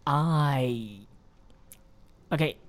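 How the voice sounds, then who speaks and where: A man teaching English pronunciation in a repeat-after-me audio lesson. He coaches patiently and encouragingly, modelling phrases slowly. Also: mid-range voice.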